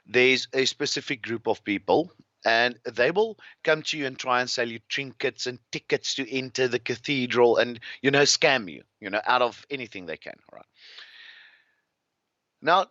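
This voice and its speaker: A man's voice: medium pitch, animated, normal speed, bright, forceful tone, no room sound, dull audio. A man with a South African accent, a guest telling rambling, restless travel anecdotes in a casual interview. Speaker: guest, farmer.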